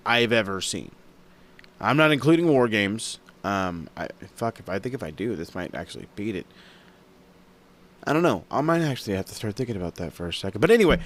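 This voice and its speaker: Excitable, foul-mouthed young man rambling. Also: mid-range voice. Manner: rambling, swears a lot, excitable. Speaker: wrestling review podcast host. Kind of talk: casual profane recap.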